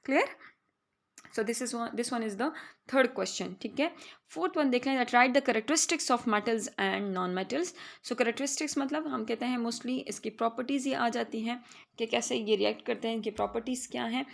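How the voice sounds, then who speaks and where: Pakistani woman, school chemistry teacher, a bit high with a creaky edge; patient, explanatory revision delivery. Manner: explains in Hindi-Urdu, reads English definitions slowly, checks with "theek hai". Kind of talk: classroom revision lesson.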